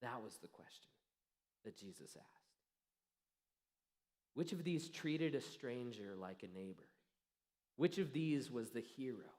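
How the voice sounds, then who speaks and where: A pastor preaching a sermon, telling a story earnestly with dramatic pauses that trail off softly. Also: male voice, medium pitch, very animated. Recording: long reverb of a church hall.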